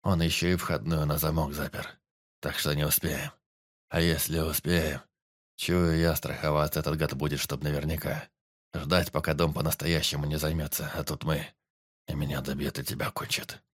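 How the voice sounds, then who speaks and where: A man reading the part of a badly wounded forester, speaking low, weak and broken, gruff and used to giving orders. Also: flat delivery, moderate pace, no echo, studio quality. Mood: weak, strained. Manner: strained, breathless, low and broken.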